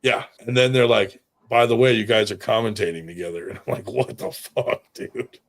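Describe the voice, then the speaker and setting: A man's voice: on the low side, fast. Rambling, profane man telling stories. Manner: rambling and profane, with many fillers. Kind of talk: casual storytelling chat.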